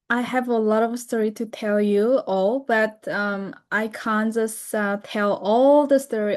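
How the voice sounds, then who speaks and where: Young woman from North Korea, Korean native, webinar speaker; slow, careful delivery with frequent fillers and restarts. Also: medium pitch. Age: young adult. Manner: careful and halting, frequent fillers and self-corrections. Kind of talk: presentation over a video call.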